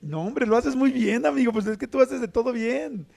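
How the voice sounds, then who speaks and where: A man's voice: very high voice, normal speed, vocal fry, a little mellow. A man hosting a casual interview chat in a friendly, encouraging way. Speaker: host.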